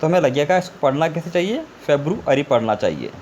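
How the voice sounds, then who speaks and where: A man's voice: on the high side, sing-song, fairly quick, darkish tone, lo-fi sound. A male teacher giving a spelling lesson, spelling words out letter by letter and repeating them. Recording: faint background noise.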